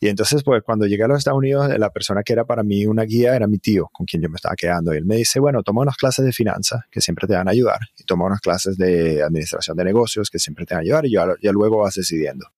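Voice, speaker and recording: A man from Venezuela with a very low voice speaks as an interview guest. He tells his story in a calm, reflective way, pausing with small fillers. The sound is close and dry, with no room echo. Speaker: guest, psychedelic facilitator. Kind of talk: conversational interview.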